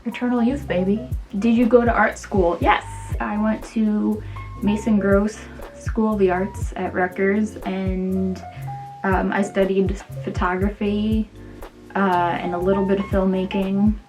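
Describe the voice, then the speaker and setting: A woman's voice: medium pitch, flat delivery, unhurried, darkish tone, soft background music. A woman in her late twenties, an illustrator, chatting casually and self-deprecatingly about herself, with many "like"s and "um"s. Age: 20s. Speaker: illustrator and vlogger. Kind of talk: casual get-to-know-me chat.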